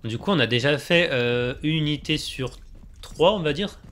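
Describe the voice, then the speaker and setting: A man's voice: on the high side, animated, moderate pace, a bit bright. A man casually commentating a video game he plays, joking and chatting with himself. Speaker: let's play gamer. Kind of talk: casual let's play commentary.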